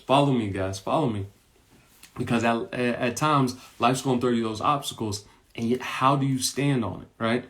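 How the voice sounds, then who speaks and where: A man's voice: medium pitch, normal speed. A man hosting a podcast, telling a motivational story in an earnest way, repeating his points and often ending lines with "right?". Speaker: podcast host.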